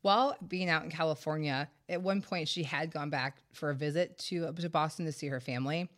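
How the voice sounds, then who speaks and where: A woman's voice: low-pitched, a little fast. A woman hosting a true-crime podcast, telling the story conversationally with wry, sarcastic asides, congested and short of breath from a head cold. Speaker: podcast host.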